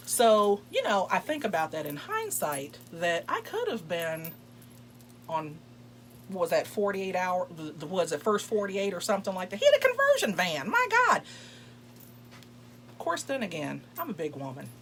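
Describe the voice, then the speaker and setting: Woman co-host, casual comic storyteller, fairly low voice, very lively swings in pitch, brash and cussing. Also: normal speed, slight background noise. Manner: animated, brash, profane. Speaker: podcast co-host.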